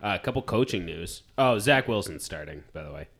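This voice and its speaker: A man's voice: deep voice, lively intonation, fairly quick, vocal fry, fairly bright tone. A man co-hosting a casual sports podcast, offhand and sometimes swearing. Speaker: podcast co-host.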